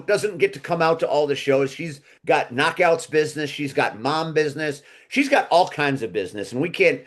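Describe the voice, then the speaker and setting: A man in his fifties chatting casually in a dry, playful way and stammering now and then. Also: a little high. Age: 50s. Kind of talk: casual chat.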